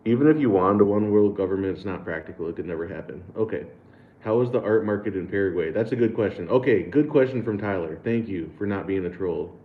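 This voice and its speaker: Speaking quickly in a low voice, an American livestream host reads out super chats, relaxed and laughing often while tripping on repeated words and fillers. His sound comes through narrow, tinny, and reverberant.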